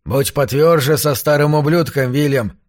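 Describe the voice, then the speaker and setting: A man's voice: on the high side, moderate pace, lightly acted. A man voicing a tough, cocky middle-aged gangster who talks brash and streetwise.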